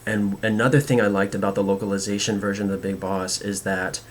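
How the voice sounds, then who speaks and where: A man hosting a film commentary show, talking casually and earnestly with strong opinions in a halting, rambling way. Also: fairly low pitch, little pitch movement, slight background noise.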